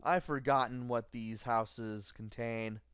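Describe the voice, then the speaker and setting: A tired man giving low-key gameplay commentary late at night, thinking aloud as he plays. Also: fairly even intonation, takes it slowly, a bit bright. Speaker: let's play host. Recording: faint game music behind.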